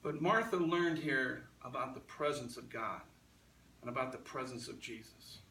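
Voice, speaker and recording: A man's voice: mid-range voice, moderate pace, sharp tone, a little hiss or hum. A man preaching a sermon as pastor, talking conversationally and acting out the lines he quotes. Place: church sanctuary. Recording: roomy church sound from a distant mic.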